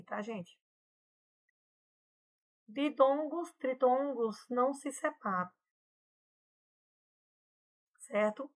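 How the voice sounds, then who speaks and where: A woman teaching a lesson, walking students through slides patiently and often pausing to check they follow. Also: fairly high pitch. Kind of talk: classroom lesson explaining slides.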